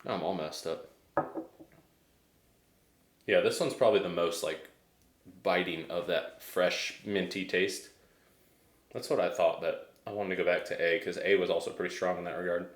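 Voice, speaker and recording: A deep-voiced American man gives a casual tasting review. He talks hesitantly, working out his thoughts as he goes. The sound is roomy, with noticeable echo. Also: fairly even intonation, moderate pace, long pauses. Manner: hesitant, thinking aloud. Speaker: whiskey reviewer.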